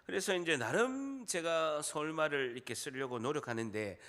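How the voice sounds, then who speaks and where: Middle-aged male pastor, Gyeongsang accent, fairly high bright voice, animated preaching with quizzes and jokes. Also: moderate pace. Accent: Gyeongsang dialect. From Busan, South Korea. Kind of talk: sermon.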